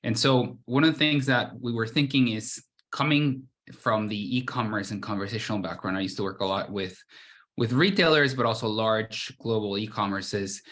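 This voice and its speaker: Man from Guatemala with a lowish voice, loose and conversational, talking over a video call as a founder presenting. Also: moderate pace, a bit bright. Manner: casual, with many restarts and filler words. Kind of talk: conference presentation.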